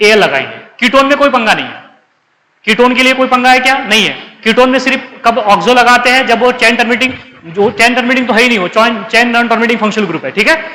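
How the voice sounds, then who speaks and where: A man's voice: high-pitched, sharp tone, long reverb tail, rough recording. A male chemistry teacher giving a live class lecture, coaxing his students and checking again and again whether they understood. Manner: calls students 'beta', coaxing.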